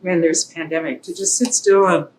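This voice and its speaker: A woman exercise instructor calmly explaining and counting through moves, encouraging. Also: a little fast. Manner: calm, encouraging, counts reps. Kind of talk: demonstrating exercises. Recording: echoey room with faint rumble.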